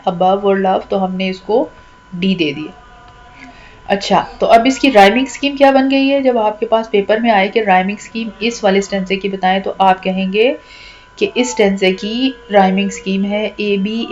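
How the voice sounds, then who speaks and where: A woman who grew up speaking teaches a lesson patiently and step by step. She repeats words and draws them out slowly as she points each one out. Her voice sits at an ordinary middle pitch. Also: highs cut off. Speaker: English literature teacher. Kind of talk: classroom-style lesson explaining a rhyme scheme.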